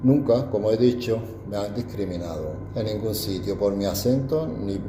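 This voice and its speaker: A man's voice: lowish voice, moderate pace, echoey room, background noise. An older man from Andalusia with an Andalusian accent, giving a proud, reflective personal testimony. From Andalusia, Spain.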